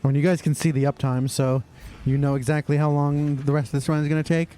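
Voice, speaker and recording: A man's voice: fairly high pitch, flat delivery, fast, mellow, soft background music. A young man giving casual, sarcastic commentary while playing a game. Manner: sarcastic, mocking, talks to himself. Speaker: streamer.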